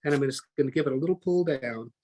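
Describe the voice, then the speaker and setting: A man's voice: mid-range voice, fast talker, darkish tone. A man teaching a live online painting class, chatty and talking through each step as he works, often correcting himself mid-sentence. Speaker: painting instructor.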